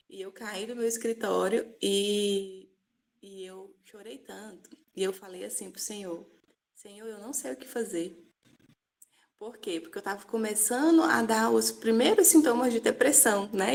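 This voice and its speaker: Brazilian woman telling her faith story, bit of fry in the voice, keeps going "né?", earnest and chatty. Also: fairly high pitch, darkish tone. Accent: Brazilian Portuguese. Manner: earnest, conversational, often adds "né?" and "sabe?". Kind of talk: personal testimony talk.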